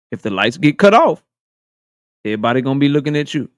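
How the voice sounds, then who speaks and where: A man's voice: medium pitch, big pitch swings, fairly quick, no room sound, studio quality. A man in his thirties hosting a casual live stream, joking and roasting his viewers, laughing often. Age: 30s.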